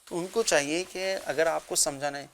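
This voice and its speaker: A man talking earnestly about gently correcting others on a religious talk show, explaining with pauses. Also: a little high, fairly even intonation. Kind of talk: conversational religious advice talk.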